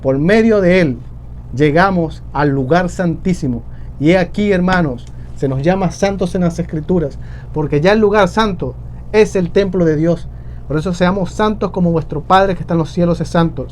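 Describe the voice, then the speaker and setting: High-voiced preaching man. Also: moderate pace, a little mellow, slight background noise. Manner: preaching with repetition, addressing "hermanos". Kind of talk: sermon.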